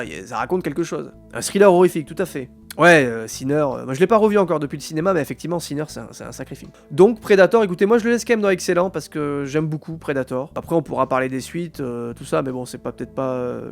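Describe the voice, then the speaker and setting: A man hosting a live stream, chatting casually about films and addressing his viewers with many fillers. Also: fairly high pitch. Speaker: streamer host.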